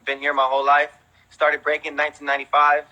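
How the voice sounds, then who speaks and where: A high-sounding man in his thirties with an American accent, born in Mexico and raised in Houston, speaks fast in a totally flat, sharp voice on a low-quality recording. He's a veteran breakdancer guesting on an interview, casually telling stories and peppering his talk with "you know" and "man."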